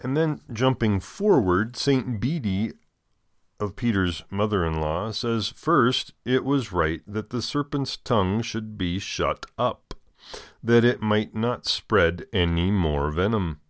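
This deep-voiced man from the United States is a deacon leading scripture readings, commenting informally but in carefully chosen phrases. He sounds expressive, and the recording is dry with no room sound.

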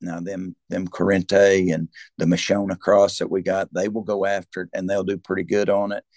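A man's voice: low voice, flat delivery, normal speed, darkish tone, no room sound, studio quality. A man with a rural Southern US accent talking as a cattle rancher, explaining things conversationally in a folksy, rambling way with repeated words and restarts. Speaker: cattle rancher, interview guest.

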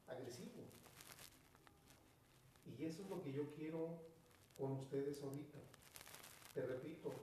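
A man supervising staff, calmly mediating a workplace dispute and often checking for agreement. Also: on the high side. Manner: calm, conciliatory, repeats "¿sí?". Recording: echoey room, mic far off, faint noise.

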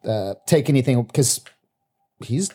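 Male co-host, mellow low timbre, rambling and profane, halting delivery. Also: animated, slightly rough. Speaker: podcast co-host. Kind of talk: casual chat.

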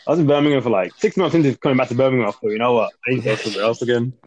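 A man's voice: mid-range voice, rapid-fire, darkish tone, no echo, muffled recording. A man in his thirties with an urban British accent, chatting informally and matter-of-factly as a guest recounting his experiences. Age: 30s. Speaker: interview guest. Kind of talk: casual chat, recounting experiences.

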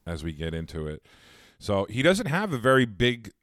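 A man's voice: lowish voice, huge pitch swings, moderate pace, fairly bright tone, dry recording, studio quality. A man co-hosting a podcast, chatting casually and laughing often. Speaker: podcast co-host. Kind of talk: casual chat.

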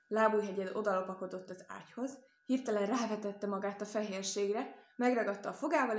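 A woman narrating a storybook tale in a steady, expressive reading. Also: medium pitch, reverberant. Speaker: reader.

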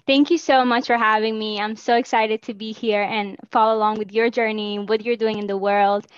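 A woman's voice: mid-range voice, fairly even intonation, moderate pace, clean tone, dry recording, muffled recording. A Spanish-native woman from Peru, a guest in an interview, speaking earnestly and reflectively over a video call with many "like" fillers. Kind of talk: casual interview talk.

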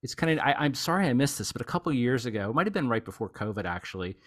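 A man's voice: medium pitch, big pitch swings, rapid-fire, a bit bright. A man hosting a podcast in casual chat, rambling eagerly with many "you know"s as he talks about music he loves. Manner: rambling and enthusiastic, heavy use of "you know". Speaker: podcast host.

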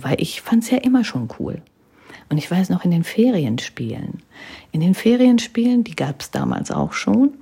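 Husky and mellow with some vocal fry, this lowish female voice belongs to a vlogger in her thirties sharing personal stories casually. She chats freely, often ending lines with "ne?" and slipping into whispers.

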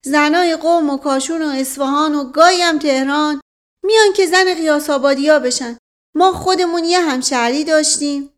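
A woman voicing a rustic old male servant who tells tall tales in a slow, folksy drawl. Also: high-pitched, voice pushed up, close to an everyday voice. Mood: earnest. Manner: drawling folksy storyteller with a stock opener.

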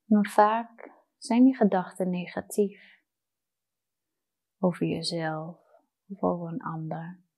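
Slow, soft-spoken woman guiding meditation. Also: fairly low pitch, steady tone. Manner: soft, soothing, unhurried with long pauses. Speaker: meditation guide. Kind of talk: guided meditation.

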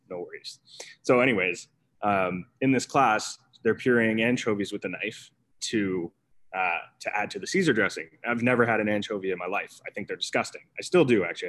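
A man's voice: lowish voice, a bit bright. A man, an executive chef, talking casually and rambling with many fillers and restarts. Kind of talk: casual conversational storytelling.

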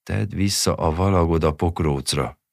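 A man reading the part of a worn-out, short-tempered working man who talks curtly and gruffly. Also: sits low, a little mellow, no echo, studio quality. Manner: curt and gruff.

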